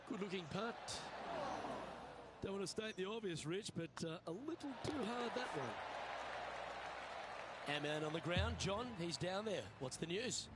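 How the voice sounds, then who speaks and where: A man with a fairly high voice commentates on golf as the lead play-by-play caller in a video game broadcast. Loud crowd and outdoor ambience sit behind him. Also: animated, measured pace, pauses often, very noisy.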